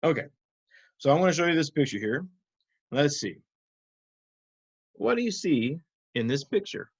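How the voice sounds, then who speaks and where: A man's voice: fairly high pitch, sing-song, normal speed, husky, no room sound, lo-fi sound. A man teaching young children in simple, instructive phrases, often checking in with short questions. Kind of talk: simple interactive children's lesson.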